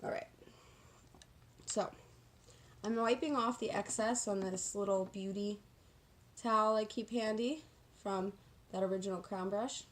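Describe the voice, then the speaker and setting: A woman's voice: medium pitch, steady tone, measured pace, long pauses. A woman giving a casual, chatty get-ready-with-me makeup tutorial, talking in a sassy, slangy, self-deprecating way. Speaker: makeup vlogger.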